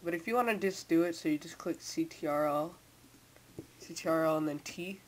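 A young teen with a mid-pitched voice talks through a casual, unscripted computer tutorial. The speech is halting and repetitive, a little impeded by a sore, braced mouth. A faint hiss sits behind the home-mic recording. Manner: halting, repeats words. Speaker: software tutorial maker. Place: indoors at a computer. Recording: hissy, noisy home microphone.

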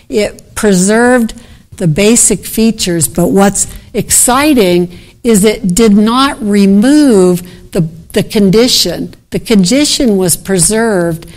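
With a medium-pitched, darkish voice, a middle-aged woman delivers an unscripted keynote at an academic conference, musing over her slides and repeatedly restarting sentences.

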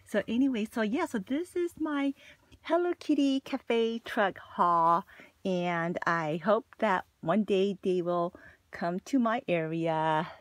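This haul vlog features a woman at medium pitch who takes it slowly, chatting casually and gushing about what she bought with frequent "like" and "you know." The recording is dry.

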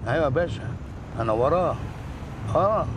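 A man's voice: on the high side, expressive, normal speed, background noise, natural voice. An actor playing a male henchman with an Egyptian accent, reporting deferentially on the phone while tailing a car. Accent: Egyptian Arabic. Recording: film scene under loud music.

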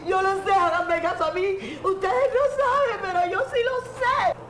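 A high-voiced Cuban woman, intense and desperate, begging and cursing as she foresees a death. Her voice sits well above most women's. Steady background noise hisses under the film audio. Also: normal speed, echoey room, low-quality recording. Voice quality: emotional, pleading, swearing often. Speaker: actress. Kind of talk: film drama acting.

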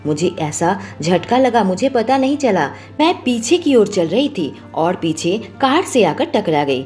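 Woman storyteller reading a romance story, mid pitch, steady and expressive, faint music under it. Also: a little slow. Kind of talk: romantic audio story narration.

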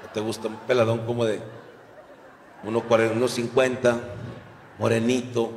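A man with a Mexican accent doing a stand-up comedy routine, telling a crude, animated story full of slang and swearing. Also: medium pitch, normal speed, a little hiss or hum. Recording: echoey hall with live ambience.

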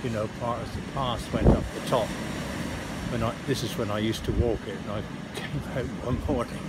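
An older man, a local resident, chatting casually outdoors on a coastal clifftop, halting and correcting himself as he goes. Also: medium pitch, steady tone. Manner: halting, with restarts and self-corrections. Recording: loud outdoor noise.

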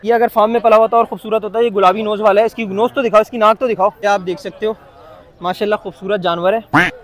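A man's voice: sits high, steady tone, fast talker. A young man vlogging as he walks through an outdoor cattle market, bantering with sellers and exclaiming at the animals. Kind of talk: walking cattle-market vlog. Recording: crowd noise around. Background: crowd chatter.

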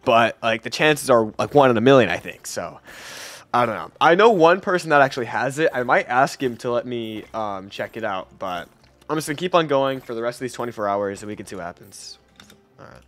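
A young man giving casual gameplay commentary, chatty and quick to laugh, often trailing off quietly at the ends of sentences. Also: medium pitch, expressive, no room sound. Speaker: gaming YouTuber.

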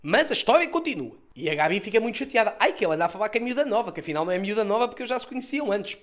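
Brief: male comedian, Lisbon accent, quick mocking recap, high bright voice, lots of cursing. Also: big pitch swings. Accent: Lisbon Portuguese. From Portugal. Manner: mocking, swears a lot, mimics characters. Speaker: comedian reviewing a TV series.

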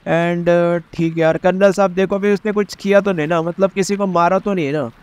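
A young man giving chatty, excitable commentary while playing a video game, talking straight to his viewers. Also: sits high, brisk, smooth. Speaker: gameplay commentator. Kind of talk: casual gameplay commentary. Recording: game gunfire and explosions behind.

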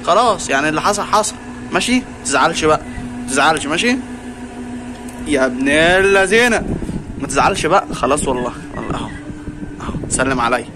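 A man's voice: a little high, animated, rapid-fire, noisy background. Chatty Egyptian man coaxing a pet fox. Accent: Egyptian Arabic. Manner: playful, teasing, coaxing. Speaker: vlogger. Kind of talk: casual vlog talking to a pet fox.

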